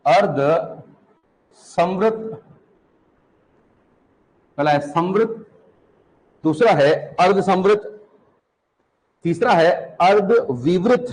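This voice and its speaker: A man teaching a class, repeating each term slowly so students can write it down, asking questions and answering them himself. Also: high voice, lively intonation, darkish tone, low-quality recording. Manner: repeats terms for students to copy, asks and answers questions, calls students 'beta'. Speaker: Hindi teacher. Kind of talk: classroom lecture.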